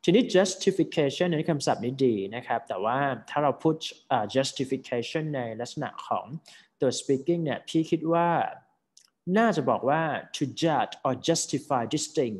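A man's voice: medium pitch, a little slow, a little mellow. A man with a Thai accent coaching a student in a speaking class. He gives friendly feedback with many fillers and polite particles.

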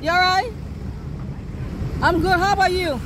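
High-voiced woman preaching from a car. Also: a little slow. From Liberia. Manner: call-and-response, asks for amens. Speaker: vlogger. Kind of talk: preachy road-trip vlog. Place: inside a moving car. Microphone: phone at arm's length. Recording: loud road noise.

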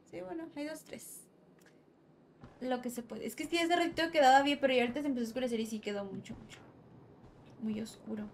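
A woman's voice: sits high, quick pace, slight background noise. A woman with a Mexican accent giving nervous, jumpy commentary while playing a horror game live and talking to her viewers.

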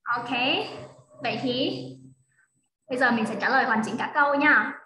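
A woman's voice: a little high, normal speed, bright, forceful tone, roomy sound, rough recording. A woman teaching English to a child in a one-on-one online lesson, patient and coaxing as she repeats drills. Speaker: English tutor. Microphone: video call.

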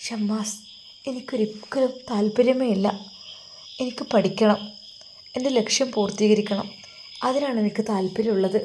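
A timid young woman speaks softly and haltingly, as if close to tears, voiced by a woman telling the story. Her tone is warm and mellow, with a lilt. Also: mid-range voice, slight background noise, natural voice. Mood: hesitant. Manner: quiet, hesitant, close to tears. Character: worried young woman, soft and pleading.

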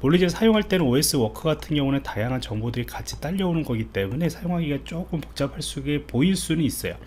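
A lively male coding instructor talks fast in a voice on the high side, explaining things informally and thinking aloud while typing. His step-by-step tutorial is a voice-over on a screen recording made indoors, and the audio is noisy, with clearly audible background noise.

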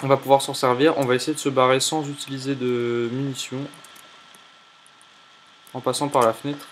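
A young man commentating his own gameplay in an animated, jokey, exclamatory way. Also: medium pitch, moderate pace, slight background noise. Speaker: let's play host.

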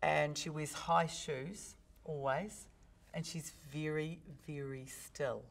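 A woman's voice: takes it slowly, vocal fry. A woman speaking coach, explaining technique in a podcast interview and acting out her examples. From New Zealand. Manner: expressive, demonstrates pitch with big vocal swings.

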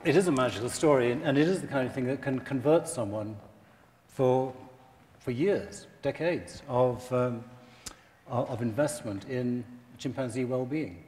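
An older man leads an onstage interview from an armchair, framing his questions hesitantly and repeating words. His voice sits in an ordinary middle pitch. A lapel mic picks him up, with long hall reverb around him. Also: normal speed, a little mellow. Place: large theater stage, seated in armchair.

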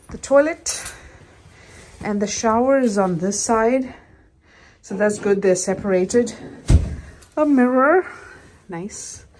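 A middle-aged woman from India talks into her phone held at arm's length, rambling in a relaxed, chatty way full of fillers and restarts. The phone video picks up clear background noise from a car and the outdoors. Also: medium pitch. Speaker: vlogger. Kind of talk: casual travel vlog. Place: outdoors, in a car and in a small cottage. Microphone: phone camera at arm's length.

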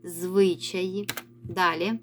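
A woman teacher giving a recorded reading lesson to young children, praising them and slowly drawing out words as she models reading. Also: lowish voice, flat delivery, a little hiss or hum. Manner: encouraging, sing-song, stretches words slowly when modelling reading. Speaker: primary school teacher.

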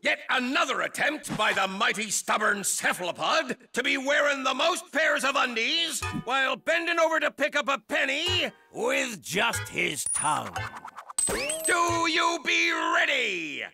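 A man's voice: very animated, unhurried, creaky, sharp tone, faint music behind, heavily acted. An actor voicing a boisterous male pirate captain for a cartoon, talking in showy pirate speech like an announcer. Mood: hearty. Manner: booming pirate talk, theatrical announcer. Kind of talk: cartoon voice acting.

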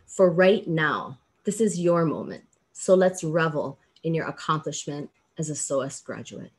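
A woman's voice: on the low side, darkish tone. Earnest woman giving a commencement address. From Hawaii. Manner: earnest, measured, emphatic pauses. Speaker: commencement speaker, law professor. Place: indoors, small room with plain backdrop. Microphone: video call.

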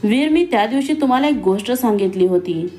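Woman voicing a sharp-tongued young college girl. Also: fairly high pitch, lively intonation, brisk, lightly acted. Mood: spirited.

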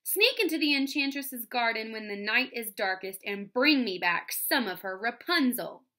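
A woman's voice: fairly high pitch, animated, normal speed, pushed and bright. A woman voicing a desperate young wife who pleads insistently with her husband in a storybook reading. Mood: pleading.

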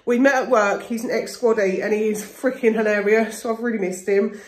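A woman's voice: fairly high pitch, steady tone, a little fast, breathy edge. A middle-aged woman chatting casually and confidingly, rambling as she vlogs into a phone at arm's length. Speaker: vlogger. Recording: noisy handheld phone recording, ambient sound.

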